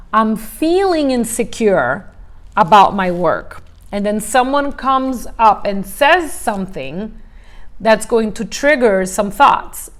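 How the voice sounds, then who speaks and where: A middle-aged woman coach leads a motivational workshop in a conversational style, posing rhetorical questions and acting out examples. Her voice is on the high side with a fairly bright tone.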